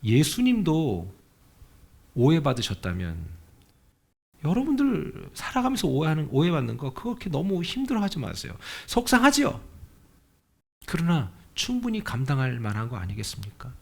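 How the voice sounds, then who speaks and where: A man's voice: a little high, wildly swooping pitch, moderate pace, vocal fry. A male senior pastor preaching a sermon in a conversational way, often asking the congregation questions and acting out the voices he quotes. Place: church sanctuary.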